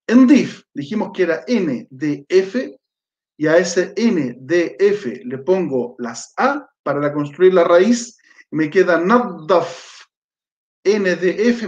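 A man teaching a live online language lesson, spelling out words slowly and patiently and often checking that students follow. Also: high voice. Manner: slow, patient spelling out of letters and words, frequent checking "¿cierto?". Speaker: Arabic teacher. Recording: echoey, dull lo-fi room sound.

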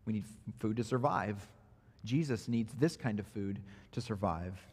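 A man's voice: medium pitch, big-room sound. A man preaching an expository sermon who grows emphatic when he quotes scripture. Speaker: pastor. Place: church sanctuary.

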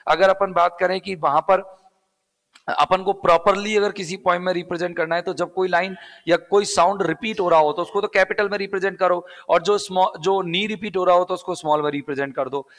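Male English tutor, Rajasthani Hindi accent, slightly high voice, repetitive question-and-answer teaching, long reverb. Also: fairly even intonation, fairly quick, a bit bright. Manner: explains step by step, repeats key words, asks and answers own questions. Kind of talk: live online exam-prep class.

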